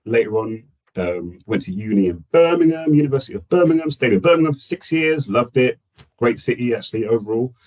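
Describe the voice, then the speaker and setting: A man's voice: medium pitch, expressive, fairly quick, darkish tone. A man in his forties from Kenya with a London accent, chatting reflectively as a podcast guest. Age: 40s. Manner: reflective, chatty, self-deprecating. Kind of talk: casual chat. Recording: dull lo-fi audio.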